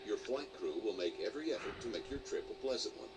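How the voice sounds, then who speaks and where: A man reading a pre-recorded cabin safety announcement in a formal, measured way, played back in a flight simulator. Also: fairly low pitch, expressive. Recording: distant, noisy game audio.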